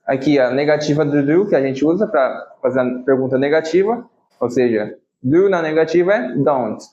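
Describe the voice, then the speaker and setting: A man with a Brazilian accent teaching an English lesson, slowly repeating example phrases for practice. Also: on the high side, animated, mellow, a little hiss or hum. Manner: slow, drawn-out model phrases repeated for practice. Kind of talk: language lesson. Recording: roomy, slightly dull recording.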